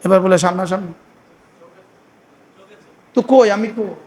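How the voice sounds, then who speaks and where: High-pitched guy preaching, keeps throwing questions at the crowd, recites prayers real slow. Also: darkish tone, husky. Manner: quizzes the listeners with repeated questions, recites Arabic prayers slowly. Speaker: Islamic preacher. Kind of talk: sermon.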